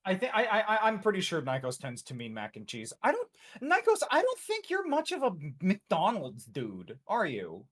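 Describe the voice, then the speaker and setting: A woman co-hosting a live stream, soft-spoken and teasing in casual chat. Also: medium pitch, huge pitch swings, normal speed, breathy edge. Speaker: co-host.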